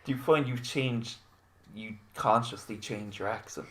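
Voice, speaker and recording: A man's voice: mid-range voice, unhurried. A man chatting casually as a podcast co-host, laughing through his stories. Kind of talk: casual chat.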